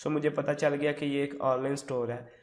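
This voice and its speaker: A man with a sore throat giving a relaxed, step-by-step screen tutorial, mixing English words into his explanations. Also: on the high side, normal speed. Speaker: tutorial host. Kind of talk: screen-recorded tutorial walkthrough.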